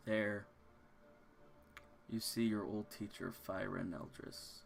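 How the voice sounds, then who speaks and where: A man with a low, gravelly voice runs a tabletop game. He builds each scene slowly, with careful description. His voice has a rough, fried texture throughout. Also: level tone. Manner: slow, descriptive scene-setting. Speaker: game master.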